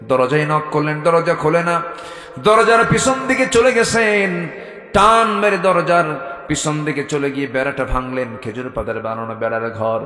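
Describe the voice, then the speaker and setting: A man preacher from Bangladesh, telling a story in a waz sermon, swinging between loud high exhortation and low hushed passages. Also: moderate pace. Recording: echoey hall with faint music.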